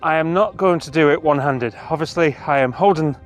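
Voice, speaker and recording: A man vlogging outdoors on a mountainside into a camera on a monopod, talking in an earnest, halting, self-deprecating way. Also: a little high, soft background music. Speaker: hiking vlogger. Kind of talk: casual walking vlog chat.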